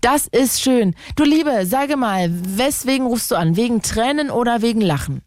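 A woman's voice: on the high side, lively intonation, moderate pace, no echo, clean studio sound. A woman hosting a radio call-in show, chatting encouragingly with callers and asking questions. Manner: warm, encouraging, enthusiastic reactions.

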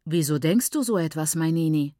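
A woman's voice: lowish voice, expressive, normal speed, dry recording, studio quality, lightly acted. A woman reading an audiobook voices a kindly older uncle, barely changing her own voice. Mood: reassuring. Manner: warm, reassuring. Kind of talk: audiobook character voice.

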